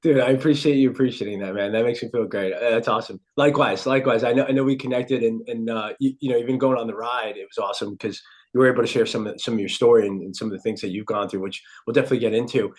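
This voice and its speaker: A man's voice: medium pitch, fairly even intonation, very fast. A man hosting a podcast interview, upbeat and enthusiastic in casual chat. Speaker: podcast host.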